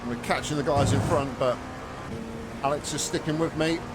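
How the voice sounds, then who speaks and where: A man giving calm, casual commentary as he plays a racing game, muttering observations as he drives. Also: fairly high pitch, normal speed. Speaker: sim racing streamer. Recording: loud engine noise over voice. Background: loud race car engine noise from game.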